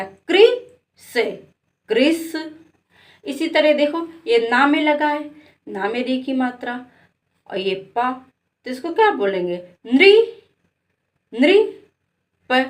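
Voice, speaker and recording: A woman with a Hindi accent teaching children to read syllables, repeating each sound and asking it back. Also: on the high side. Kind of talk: slow classroom lesson with call-and-response drilling.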